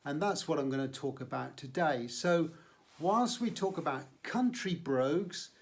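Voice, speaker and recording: A man with a slightly high voice hosts a show-and-tell vlog about clothing and talks at a slow, unhurried pace. He explains things in a measured way and often pauses on fillers. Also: animated. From United Kingdom. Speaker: menswear channel host.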